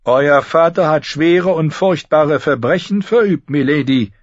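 A man's voice: a little high, unhurried, dry recording, voice pushed up. A man voicing a pompous elderly grand maester who speaks in a solemn, intoning way, in a slightly muffled audiobook recording.

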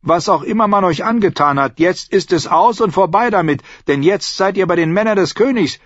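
A man voicing a motherly woman innkeeper who is firm but kind, his voice raised high and loud. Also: a little fast, breathy edge, no room sound, highs cut off. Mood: soothing, firm.

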